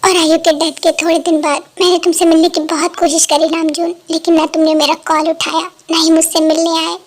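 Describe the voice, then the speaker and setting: Apologetic, self-blaming young man, a woman's fan dub, pitched very high. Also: level tone, a little fast. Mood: remorseful. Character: remorseful male friend, young man.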